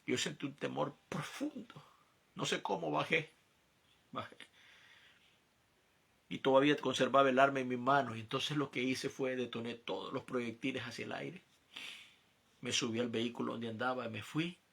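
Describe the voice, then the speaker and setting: Gravelly preacher, emphatic. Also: male voice, mid-range voice, fairly even intonation, normal speed, long pauses. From El Salvador. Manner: emphatic, swinging from quiet to loud climbs. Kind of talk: sermon testimony.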